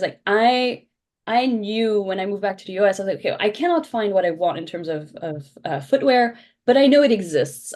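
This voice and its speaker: A woman's voice: medium pitch, darkish tone. A woman who grew up in Belgium, a brand founder and podcast guest, explaining her product in a chatty way with many restarts. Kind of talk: casual podcast interview.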